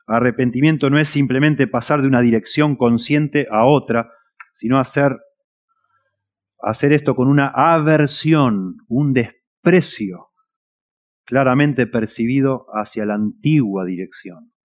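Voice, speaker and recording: A man with a Rioplatense Spanish accent preaching a sermon, earnest and emphatic, his voice swelling and dropping in loudness. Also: mid-range voice, a little slow. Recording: dull lo-fi recording.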